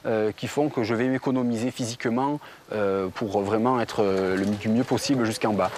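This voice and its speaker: A man's voice: lowish voice, normal speed, darkish tone. A man, a downhill racer, talking in a hesitant way in an interview. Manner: hesitant, many fillers. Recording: noisy outdoor sound.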